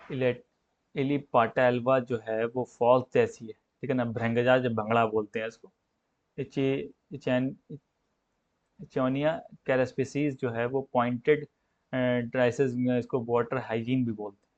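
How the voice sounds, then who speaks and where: A man's voice: medium pitch, darkish tone, no echo. A man teaching an agriculture exam lesson who stumbles and restarts on long scientific plant names, repeats the key terms and keeps checking in with his students. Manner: checks in with "theek hai na" after each point. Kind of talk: exam coaching lecture. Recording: dull, muffled lo-fi sound.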